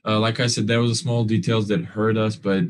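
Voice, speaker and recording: Over a video call, a young male basketball player fields postgame press conference questions, earnestly answering in halting phrases full of fillers, restarts, and non-standard grammar. His voice is fairly low with a flat delivery.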